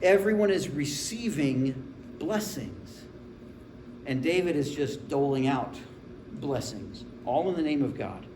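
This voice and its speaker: Preaching slowly and expressively, a man in his forties uses humor and conversational storytelling in his sermon. He's a pastor with a voice on the high side, recorded in a church sanctuary whose echo, faint ambience and background noise come through.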